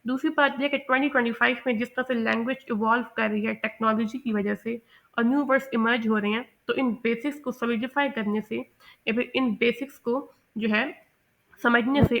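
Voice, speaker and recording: A woman teaching English pronunciation in a methodical lesson, mixing English terms into Hindi and repeating example words slowly. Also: on the high side, highs cut off. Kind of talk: explanatory lesson.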